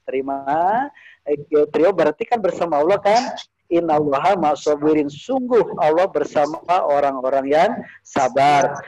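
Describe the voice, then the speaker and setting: Man preacher, slightly high voice, informal teaching to a group, questions the room, radio sound. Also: animated, normal speed, a little mellow, rough recording. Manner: chatty, repeats "Bu" often, asks listeners questions. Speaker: religious teacher. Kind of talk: informal religious talk to a group.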